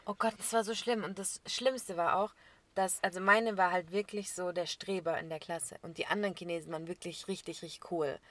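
A young woman chatting casually as a podcast co-host, telling a story with lively laughs and acted-out quotes. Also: on the low side, brisk, no echo. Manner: animated storyteller, laughs often, acts out quotes.

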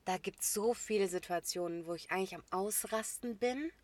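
Young woman, casual co-host chat, animated, slangy, quick to laugh. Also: mid-range voice.

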